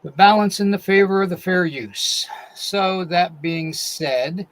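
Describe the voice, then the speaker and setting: A man hosting a live-stream podcast reads through a long disclaimer, then greets chat viewers by name one at a time, mentioning that he's losing his voice. His voice is high and unhurried, and the recording is dry and low in quality.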